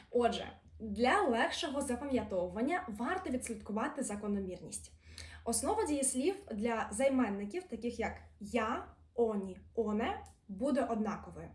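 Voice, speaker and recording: A woman teaching a grammar lesson, reading example words slowly and carefully. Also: on the high side. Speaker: language teacher. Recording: echoey room.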